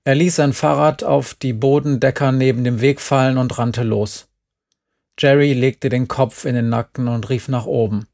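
A man reading a story aloud as narrator, with calm, even storytelling. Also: medium pitch, normal speed, creaky. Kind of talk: audiobook reading.

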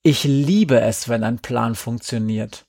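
A man's voice: mid-range voice, takes it slowly, a little mellow, husky, dry recording, studio quality. A man reading the part of a bossy young girl who loves her plans, in an eager, persuasive way. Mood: eager scheming.

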